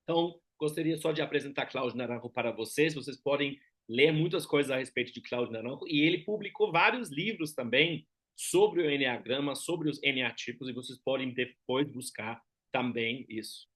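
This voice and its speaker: A man's voice: medium pitch, brisk, few pauses, fairly bright tone. A man from Germany with a German accent, giving an explanatory lecture as a teacher and often checking in with short tag questions. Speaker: Enneagram teacher.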